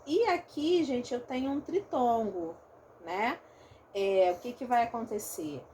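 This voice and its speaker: With a fairly high, expressive and mellow voice at a measured pace, a phonetics teacher speaking Rio de Janeiro Portuguese explains a recorded online lesson step by step. She checks in often with her students, and there's a little hiss or hum.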